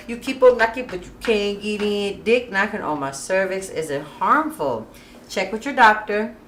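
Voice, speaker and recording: A woman's voice: on the low side, fairly bright tone, reverberant, slight background noise. A pregnant woman in her thirties hosting a podcast, talking frankly and casually with bursts of laughter. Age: 30s. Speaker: podcast host. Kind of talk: candid casual chat.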